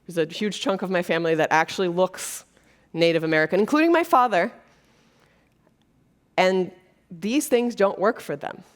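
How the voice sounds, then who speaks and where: On a conference stage, a keynote speaker from Brazil addresses the audience in an earnest, conversational way, using many fillers. Her voice sits on the low side, moving at a normal speed with frequent pauses.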